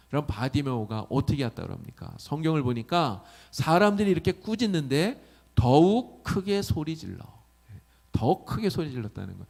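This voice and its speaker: A man's voice: on the high side, gravelly, darkish tone. A male pastor preaching a sermon, often asking the congregation questions.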